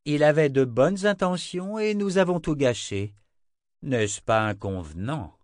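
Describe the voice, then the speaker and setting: A man's voice: on the high side, animated, a little slow, no room sound, clean studio sound, pitched above the performer's own voice. A man reading an audiobook voices a stern woman speaking with icy sarcasm. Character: stern woman, coolly ironic.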